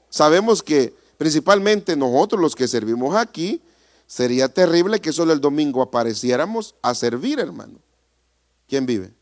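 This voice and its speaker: A man preaching a sermon as pastor in a church, animated, asking the congregation rhetorical questions. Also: on the high side.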